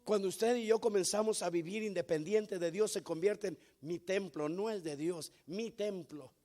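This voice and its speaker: Brief: a male pastor, high-pitched, storytelling sermon style with emphatic crescendos. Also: moderate pace. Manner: storytelling preacher, repeats "hermano", builds to loud emphatic peaks. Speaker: founding pastor.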